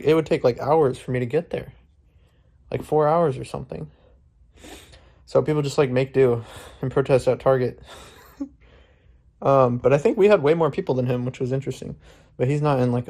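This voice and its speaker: A man's voice: medium pitch, warm tone. A young man from Florida vlogging casually into a phone camera, rambling with lots of fillers and laughing often, first outdoors at a protest and then in his room. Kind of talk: casual vlog talk.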